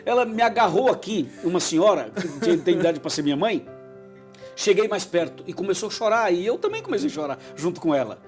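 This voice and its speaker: A man's voice: high-pitched, big pitch swings, fast, few pauses, a little mellow, soft background music. A man, a pastor telling emotional anecdotes as a TV interview guest and acting out what people said. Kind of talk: storytelling in a TV interview.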